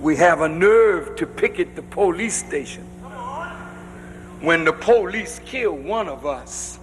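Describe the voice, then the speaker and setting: A male preacher delivering a sermon to a congregation in a large hall, speaking emphatically with drawn-out phrases that rise to shouts. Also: on the high side, expressive. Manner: addresses the congregation directly. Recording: long reverb of a large hall.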